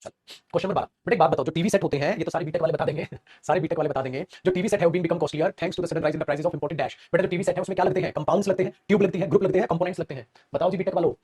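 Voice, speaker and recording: A man teaching an English grammar class in rapid Hindi mixed with English, calling his students "beta" as he corrects their answers. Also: on the high side, darkish tone, breathy edge. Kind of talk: online coaching lesson.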